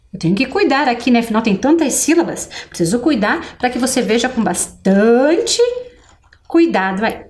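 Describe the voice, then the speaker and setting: A Brazilian woman teaching adult learners on television, patient and clear as she sounds out each syllable. Her voice sits a little high and swoops widely in pitch. She speaks slowly. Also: a little mellow. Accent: Brazilian Portuguese. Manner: slow, patient, enunciating syllables.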